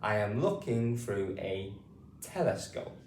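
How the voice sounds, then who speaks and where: British man, slow phonics teacher, patiently sounds out letters, echoey room a bit off-mic. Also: lowish voice, animated, darkish tone, recorded from a distance, slight background noise. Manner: patient, frequent "okay?" check-ins, sounds words out letter by letter. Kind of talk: slow spelled-out phonics lesson.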